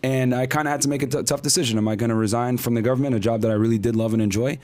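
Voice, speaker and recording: As a podcast guest, this thirties-aged man recounts his own story in quick, casual speech packed with filler words and dramatized quotes. His voice sits at medium pitch with a darkish tone and fairly even intonation.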